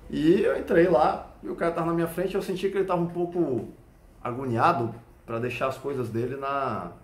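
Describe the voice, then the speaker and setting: A Brazilian Portuguese-accented man, a Krav Maga instructor, explains self-defense through a lively personal anecdote. He keeps pausing to check that the listener understands. His mid-pitched voice carries a noticeable room echo. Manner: animated storytelling with frequent checking questions. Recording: echoey room.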